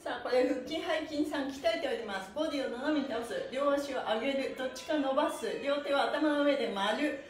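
Speaking a little fast, a cheerful, high-voiced woman guides a live exercise class with counted chants, encouraging her viewers, laughing often and playfully, politely giving honorifics to body parts. The distant camera mic, a few metres off in a small bare-walled room with a wooden floor, leaves the audio echoey.

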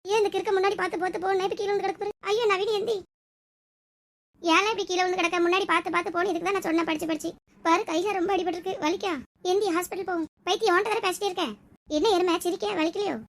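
A woman's voice: high-pitched, quick pace, pauses often, a bit bright. A woman playing a bossy, exasperated young woman.

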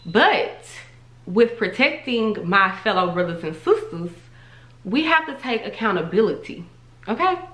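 Young woman, emphatic casual vlog, bright tone, roomy echo. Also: medium pitch, very animated, a little slow. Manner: chatty, emphatic, repeats for stress. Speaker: vlogger.

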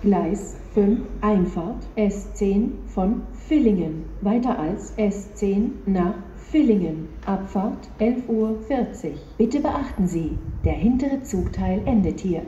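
Flat train platform announcement lady, soft dark tone, segmented phrases, bit of station noise behind. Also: medium pitch, slow, few pauses, muffled recording.

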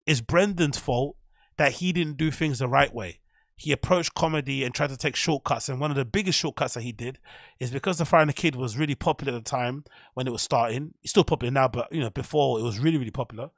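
A podcast host delivers a casual commentary monologue, rambling through his theory quickly and opinionatedly while often correcting himself. His mid-range voice has a gravelly edge, and the close, dry recording has no room sound.

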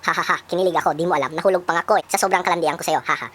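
Guy doing a giggly flirty gf, high squeaky voice, teasing, super fast. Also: fairly even intonation, bright, forceful tone. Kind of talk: comic vlog rant.

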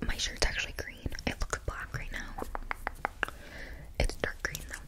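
A young woman whispering breathily in a rambling ASMR style very close to a condenser mic, often repeating words. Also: measured pace. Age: young adult. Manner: repeats words in trailing strings. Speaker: ASMR video creator. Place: small bedroom indoors. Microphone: large desktop condenser mic, very close.

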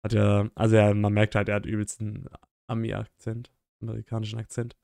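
A man's voice: lowish voice, monotone, fairly quick, creaky, darkish tone, clear, resonant tone, no echo, studio quality. A man in his thirties commenting casually on a video as a reaction host, slangy and offhand. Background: faint music from the watched show.

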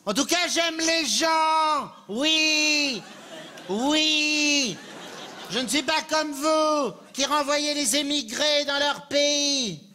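A male comedian playing a flamboyant female presidential candidate in a live stage debate sketch, shrill, indignant and camp. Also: drawn-out words, sharp tone, a faint crowd, heavily acted. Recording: live theatre with audience laughter.

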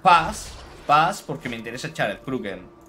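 A man giving live gameplay commentary as a streamer, animated, taunting his opponent and dropping in English phrases. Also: medium pitch, moderate pace, a little hiss or hum.

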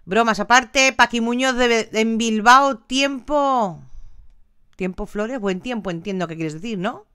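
A woman's voice: on the high side, a little slow, sharp tone, clear, resonant tone, no room sound, studio quality. An older woman from Valencia in Spain, hosting a live stream in a chatty, affectionate way and greeting viewers by name. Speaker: live stream host reading viewer comments. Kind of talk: casual live chat.

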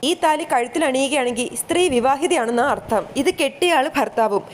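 Woman as a despairing serial mother, slow, heavy-hearted, high voice. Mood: weary. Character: troubled middle-aged mother, weary and despairing.

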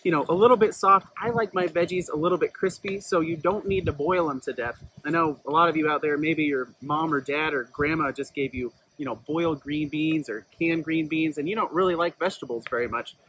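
A man's voice: on the high side, brisk, hardly any pauses, a bit bright, slight background noise, poor audio. A man in his thirties, a chef giving a casual, chatty outdoor cooking demonstration while sitting on a rock in open grassland. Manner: upbeat, chatty, easygoing.

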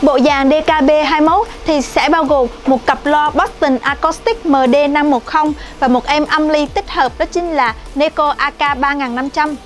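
A woman's voice: sits high, fairly even intonation, normal speed, hardly any pauses, soft background music. A woman presenting a product review for a shop in a friendly, chatty sales manner. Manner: chatty, friendly sales talk with frequent "nè" and "nha".

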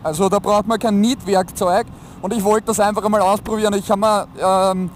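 Male Austrian motovlogger, high-pitched, casual colloquial chat, enclosed helmet sound with some traffic noise behind. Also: level tone, fairly quick. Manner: colloquial, slangy. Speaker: motorcycle vlogger. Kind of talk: casual chat to viewers while riding. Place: inside a motorcycle helmet, riding outdoors on a motorway. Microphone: helmet-mounted mic. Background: motorcycle and traffic noise.

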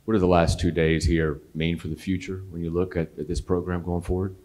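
A man with a very deep, dark voice questions a coach at a press conference. He halts and repeats words as he goes, in a plain reporter's tone. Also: little pitch movement, a little fast.

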